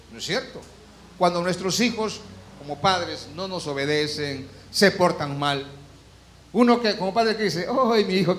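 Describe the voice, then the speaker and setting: In a church, a pastor with a somewhat bright voice on the high side preaches to his congregation, with a little hiss or hum in the audio. He asks rhetorical questions frequently, acts out complaining voices in quotes, and slows down and rises on emphatic Bible quotations.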